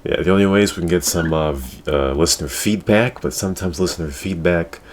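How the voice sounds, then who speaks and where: A low-pitched man talks briskly as he hosts a casual gaming talk show, using crude slang and repeating his catchphrases. The background of the recording is clear of noise.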